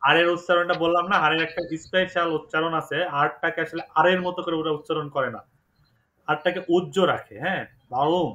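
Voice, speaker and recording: Male teacher, fairly high and bright voice, patient and repetitive in class. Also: fairly even intonation, highs cut off. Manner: explains slowly, repeats words for learners. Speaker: German language teacher. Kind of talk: online class lesson.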